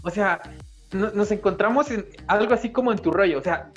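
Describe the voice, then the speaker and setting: A man's voice: high-pitched, fairly quick, dull audio, faint music behind. A young man with a Central American Spanish accent, co-hosting a casual podcast chat, joking and slangy, laughing often. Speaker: podcast co-host.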